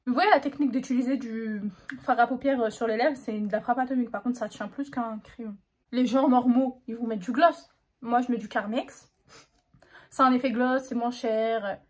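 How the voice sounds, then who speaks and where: A woman's voice: on the high side, fairly even intonation, moderate pace. A young woman chatting casually through a makeup tutorial, slangy and self-mocking. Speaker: beauty vlogger.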